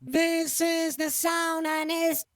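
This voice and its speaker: A sung vocal sample, pitched up a fifth with its formants shifted in a vocal editor, repeating a short phrase slowly. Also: level tone, a bit bright. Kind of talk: sung vocal sample replayed in a music production session. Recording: pitched studio vocal played back over a music track.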